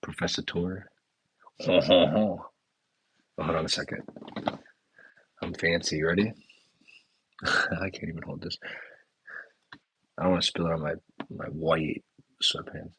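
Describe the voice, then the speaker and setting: A laid-back man hosts a live chat and reacts to viewer comments. His voice is low and gravelly with a husky, rough edge. The sound is dry and close. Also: steady tone, takes it slowly, long pauses, a bit bright, no room sound, poor audio. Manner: laid-back, reads viewer comments aloud and riffs on them. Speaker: chef and restaurant owner hosting a live chat. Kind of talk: casual live-stream chat. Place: indoors, talking to a live chat.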